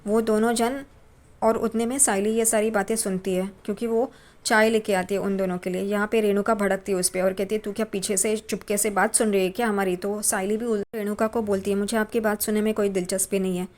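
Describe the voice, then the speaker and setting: A woman's voice: mid-range voice, flat delivery, brisk, a little mellow. A woman casually retelling a TV serial episode, briefly voicing each character's lines. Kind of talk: casual storytelling recap.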